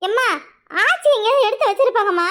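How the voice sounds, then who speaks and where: A woman's voice: very high-pitched, expressive, fast, fairly bright tone. A woman voicing a talkative, sulky younger daughter in a cartoon, whiny and argumentative, with a southern Tamil village accent. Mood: defensive. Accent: southern Tamil Nadu village Tamil. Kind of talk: cartoon voice acting.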